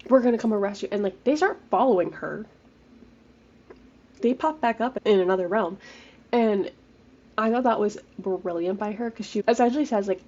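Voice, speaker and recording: A woman's voice: medium pitch, darkish tone. Young woman on slightly muffled audio. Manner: enthusiastic, retells scenes with quoted lines. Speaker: podcast co-host. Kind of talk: casual book discussion.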